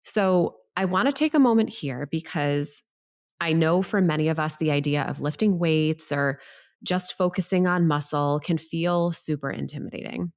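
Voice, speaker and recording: A middle-aged woman hosts a health podcast, speaking straight to the listener with upbeat, tidy advice-vlogger delivery that is encouraging and organized. Her voice sits low with a darkish tone and a moderate pace.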